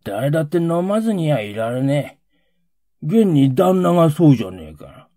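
Guy putting on a gravelly old-edo workman, coarse street talk, dark tone, higher than his normal voice, dry audiobook. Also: big pitch swings, moderate pace, no room sound. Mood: pleading. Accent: old Edo working-class. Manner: pleading, coarse street speech. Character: rough working-class Edo man, emotional.

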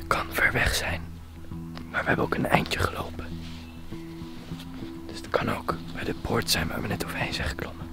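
A man's voice: moderate pace, pauses often. A man whispers uneasily while hiding, as if vlogging an exploration. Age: 20s. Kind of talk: hushed exploration vlog. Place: abandoned building and nearby woods. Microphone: handheld camera at arm's length. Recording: music under whispered speech.

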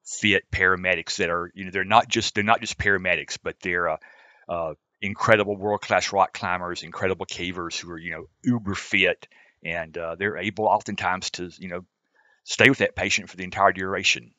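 Low, forceful man, rescue team member; halting delivery with frequent fillers, dry mic. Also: fairly even intonation, no echo. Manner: many fillers and restarts. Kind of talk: roundtable discussion.

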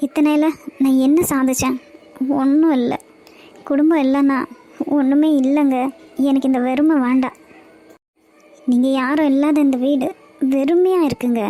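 A woman plays a cartoon mother full of regret, begging forgiveness in a very high, pleading voice. The tone stays soft and warm. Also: steady tone, normal speed, pauses often, close to an everyday voice. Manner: pleading, apologetic. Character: remorseful middle-aged mother and wife. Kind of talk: cartoon voice acting.

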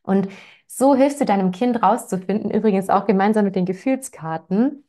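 A woman parenting coach answers parents' questions one after another in a mid-pitched voice. She talks in a direct, reassuring way and addresses the parents by name. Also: moderate pace, mellow.

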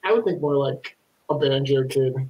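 A playful player chats through a tabletop game and laughs easily. The voice sits at a middle pitch. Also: expressive, moderate pace, muffled recording. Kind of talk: casual tabletop play.

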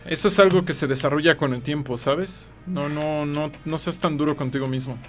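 A man's voice: a little high, fairly even intonation, moderate pace, faint music behind. A young adult man with a Mexican Spanish accent, chatting casually and jokingly as a streamer. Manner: joking, slangy. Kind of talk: casual chat.

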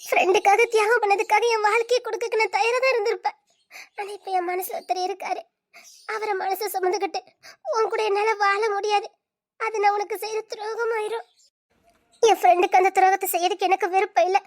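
Woman doing earnest teary young woman, super high voice, audio drama. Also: fairly even intonation, quick pace. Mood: tearful. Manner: tearful, earnest. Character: young woman refusing a friend's love.

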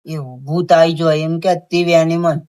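A man's voice: fairly high pitch, steady tone, a little slow, darkish tone, clear, resonant tone. A man with a Gujarati accent playing a worried villager in an amateur comedy skit.

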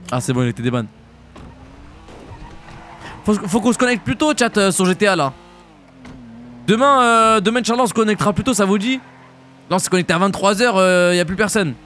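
A young French man streaming a roleplay game, chatting casually in slang and jumping into high shouts. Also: a little hiss or hum. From France. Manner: casual slangy banter, quick jumps to high-pitched shouts. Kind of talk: live-stream roleplay chat.

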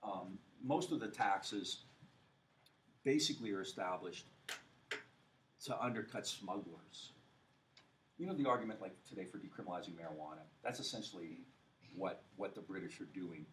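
A man's voice: low voice, lively intonation, normal speed, pauses often. A man lecturing a university history class in a loose, joking style, full of fillers and rhetorical questions to the students. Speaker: history professor. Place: lecture hall. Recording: far-off mic with faint hiss.

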